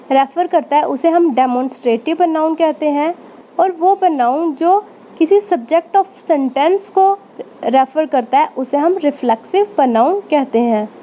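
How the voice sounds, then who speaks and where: High-voiced woman teaching a lesson. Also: dark tone, slight background noise. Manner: explains in Hindi, reading English lines slowly. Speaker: English teacher. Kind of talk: classroom lesson explanation.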